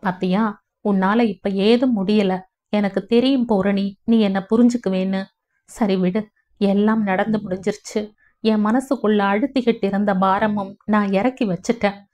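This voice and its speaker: A woman's voice: mid-range voice, steady tone, moderate pace, darkish tone, close to an everyday voice. A woman voicing a possessive, lovesick young village man who pleads earnestly in a storybook reading. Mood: pleading. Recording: dull lo-fi audio.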